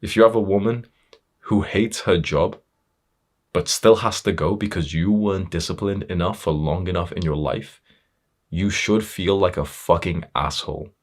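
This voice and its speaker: Deep-voiced blunt man lecturing. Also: normal speed. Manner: blunt, confrontational, heavy swearing; fillers and self-restarts, building intensity. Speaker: motivational speaker. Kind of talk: blunt motivational monologue.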